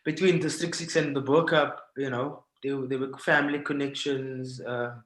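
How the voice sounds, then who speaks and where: Medium in pitch, level and fairly bright in tone, a South African man from Cape Town acts as a guest artist sharing stories in an informal presentation. He is indoors at home on a video call, pausing and halting often, and the call microphone yields roomy, echoing audio.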